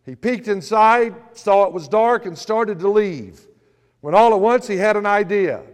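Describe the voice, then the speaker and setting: A man with a notably high voice preaching a sermon, mixing prayer with light, humorous storytelling. His voice rings out with a long reverb tail, as if filling a large hall. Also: expressive, measured pace. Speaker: pastor.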